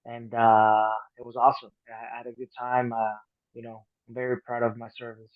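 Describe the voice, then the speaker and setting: A man in his thirties from Colombia, a podcast guest talking earnestly, often trailing off softly. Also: mid-range voice, monotone, brisk, no room sound. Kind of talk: casual interview chat. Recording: dry, phone-like call audio.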